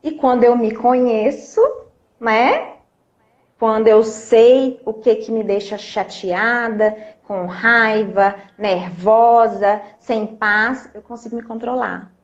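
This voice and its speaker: A woman coach, telling a story in a lively chat and acting out the dialogue. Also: a little high, takes it slowly. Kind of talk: live-stream conversation, storytelling. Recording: dull lo-fi live-stream audio.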